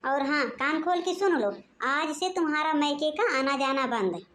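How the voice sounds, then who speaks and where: A woman's voice: high-pitched, normal speed, fairly bright tone. A woman voicing a short-tempered, suspicious young husband and son-in-law in a cartoon, talking in a curt, scolding way. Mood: angry.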